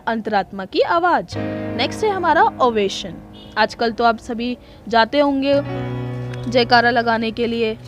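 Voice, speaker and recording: A woman with an Indian accent teaching English word meanings, spelling words out sound by sound in a patient, chatty way. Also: a little high. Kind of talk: casual spoken lesson.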